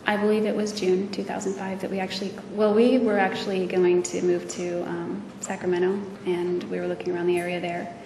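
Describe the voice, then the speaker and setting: A woman testifying as a witness, speaking hesitantly with many pauses and fillers, in a courtroom recording. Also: on the low side, monotone, a little mellow. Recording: echoey courtroom audio from far off with noise.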